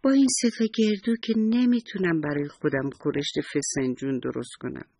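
A man voicing a kind, gentle old woman in a children's bedtime story, with a soft, sighing manner and a husky voice. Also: a little high, sing-song, dry recording, exaggerated voice. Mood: wistful.

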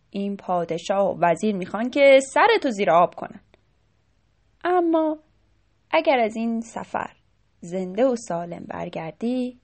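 A woman voicing a worried old mother who gives her son resigned advice in a storybook tale. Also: on the high side. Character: anxious old mother of a young hero.

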